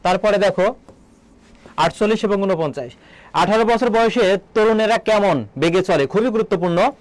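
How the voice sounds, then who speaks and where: A man teaching an online exam-prep lesson, asking students questions, answering them himself and repeating key words slowly. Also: high-pitched, no echo. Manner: quizzes students, then answers his own questions. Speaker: admission exam tutor.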